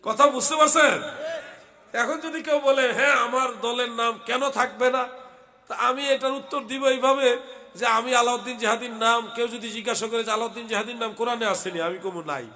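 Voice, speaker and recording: Man, hoarse, from Bangladesh, bright sharp voice, loud heated sermon, stage mic. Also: extremely high pitch, steady tone, a little fast. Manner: loud, heated, swings into shouting. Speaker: preacher. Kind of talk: Bengali waz sermon. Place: outdoor religious gathering stage.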